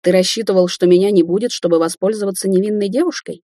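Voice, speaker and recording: A woman's voice: mid-range voice, fairly even intonation, quick pace, warm tone, dry recording, studio quality, lightly acted. A woman reading an audiobook, voicing a protective young man who questions earnestly. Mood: mocking.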